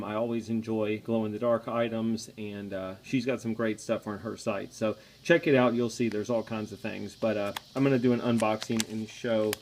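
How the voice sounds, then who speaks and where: A man's voice: medium pitch, a little hiss or hum. A man presenting a casual unboxing vlog, talking in a friendly, apologetic way with frequent "uh" fillers. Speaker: product reviewer.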